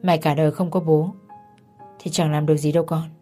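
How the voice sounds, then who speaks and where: A man's voice: a little high, little pitch movement, a little fast, dark tone, faint music behind, close to an everyday voice. A woman voicing a stern elderly father who orders his son to give up the girl. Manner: commanding and dismissive.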